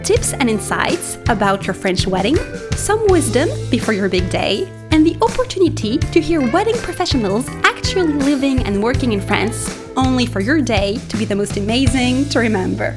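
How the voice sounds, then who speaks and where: Upbeat woman doing a podcast intro voice-over, high voice, swings up and down a lot. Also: very animated, normal speed, music in the background. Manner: upbeat, promotional. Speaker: show announcer.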